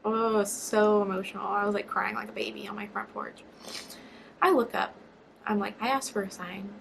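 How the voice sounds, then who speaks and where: A woman's voice: medium pitch, moderate pace, gravelly, a bit bright, slight background noise, poor audio. A young woman from Georgia, chatty and near tears as she tells a personal story for her vlog. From Georgia, USA. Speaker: vlogger.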